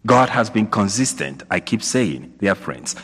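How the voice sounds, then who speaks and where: A man's voice: fairly low pitch, big pitch swings, unhurried, a bit bright, husky. A man preaching a sermon in a church, posing rising questions and repeating points for emphasis, his voice ringing with cathedral echo. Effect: cathedral echo, long reverb of a large church. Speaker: priest. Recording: long church hall reverb.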